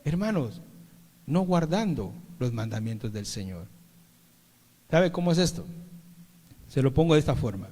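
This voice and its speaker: A man with a Mexican Spanish accent preaching a sermon, calling the congregation "brothers" again and again and swinging between loud and soft. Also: medium pitch, big pitch swings, unhurried, long pauses. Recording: long reverb of a church hall.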